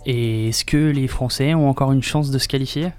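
A man's voice: medium pitch, steady tone, moderate pace, clear, resonant tone, dry recording. A man hosting a radio show from a studio, chatting casually with his colleagues.

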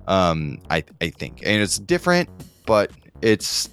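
A man co-hosting a casual podcast, animated and rambling, full of fillers. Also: deep voice, measured pace, smooth, soft background music. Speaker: podcast co-host. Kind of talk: casual chat about game music.

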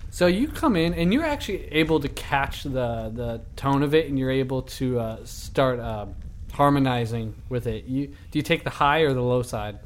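A man narrating as game master of a tabletop role-playing game, describing scenes with a relaxed, laughing manner. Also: mid-range voice, moderate pace.

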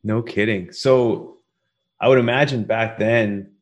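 A man hosts a casual interview about working in the oilfield. His voice sits fairly low. He rambles and pads his questions with lots of fillers. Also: fairly even intonation, takes it slowly, muffled recording. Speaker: interview host.

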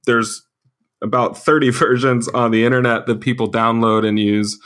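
A man hosting a podcast, talking in a relaxed, thoughtful way with fillers and restarts. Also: mid-range voice, normal speed. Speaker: podcast host. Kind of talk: casual podcast conversation.

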